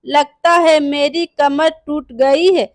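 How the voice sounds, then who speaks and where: A woman's voice: high-pitched, steady tone, slow, dry recording, studio quality. A woman voicing a sly young daughter-in-law who pleads sweetly and mocks her mother-in-law in a storybook tale.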